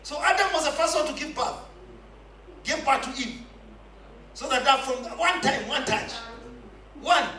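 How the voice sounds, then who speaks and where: A man preaching a sermon, calling for responses from the congregation and often shouting his points. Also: very high-pitched, a little slow, pauses often, distant mic. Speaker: pastor. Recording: echoey hall, voice away from the mic.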